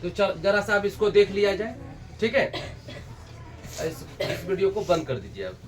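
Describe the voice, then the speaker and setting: A male teacher retells a story for students in a lively way and keeps asking them quick questions. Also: sits high, far from the mic. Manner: lively, with constant check-in questions.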